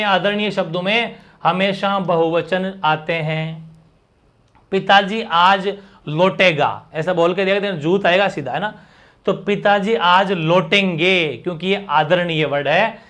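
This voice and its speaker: High-voiced energetic male teacher. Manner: energetic, keeps checking in with students. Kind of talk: live online grammar class.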